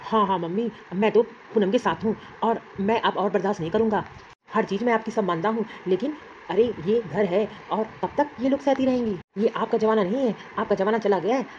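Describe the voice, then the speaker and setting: Woman doing a fast-talking young husband. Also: medium pitch, darkish tone, lo-fi sound, slight background noise, natural voice. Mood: protesting. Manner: quick, protesting. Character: young husband siding with his wife. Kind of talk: cartoon story voice acting.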